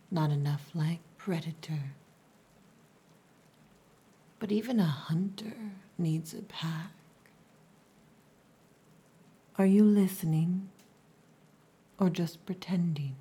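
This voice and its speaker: A woman plays a possessive orc woman, the gruff yet tender daughter of an orc chieftain, in an ASMR roleplay that's whispered and softly spoken. Her voice is low, slow, breathy and hushed, often whispering, while her mood is earnest and firm. She delivers it deliberately, in a dominant, teasing manner.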